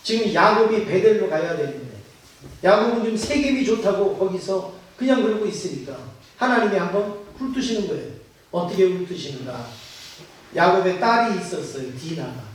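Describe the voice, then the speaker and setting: A man's voice: high-pitched, slight background noise. A man preaching a sermon as pastor, putting rhetorical questions to his congregation. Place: church sanctuary. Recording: echoey church hall, mic at a distance.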